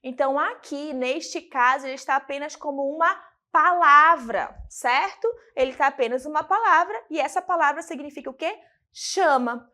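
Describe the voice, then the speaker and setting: A woman's voice: sits high, normal speed, sharp tone. A woman with a Brazilian Portuguese accent teaching a recorded grammar lesson, speaking straight to her students and checking in with them often. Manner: didactic, addresses students directly with frequent check-ins.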